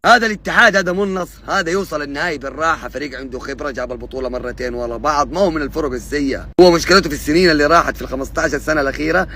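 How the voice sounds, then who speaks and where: A man's voice: on the high side, racing, few pauses, bright, forceful tone, slight background noise. A man complains about the draw like an exasperated football fan.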